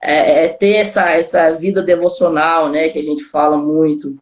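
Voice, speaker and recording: A man's voice: a little high, flat delivery, normal speed, reverberant. A man with a Brazilian accent, a pastor, telling his testimony in a casual conversation, full of informal fillers. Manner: informal storytelling, constant "cara" and "né" fillers.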